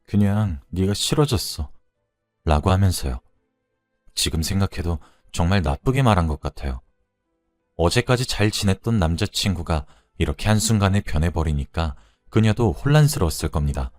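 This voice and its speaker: A man in his thirties telling a personal love story in the first person, calm and reflective. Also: low voice, normal speed, dry recording. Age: 30s. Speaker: narrator. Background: faint background music.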